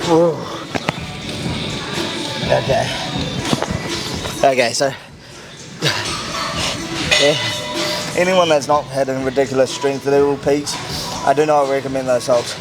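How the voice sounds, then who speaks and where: Gravelly, sweary man lifting weights. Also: mid-range voice, fairly even intonation, slow pace, long pauses, over loud music, poor audio. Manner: blunt, sweary. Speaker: strength vlogger. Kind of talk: casual gym vlog talk while lifting weights.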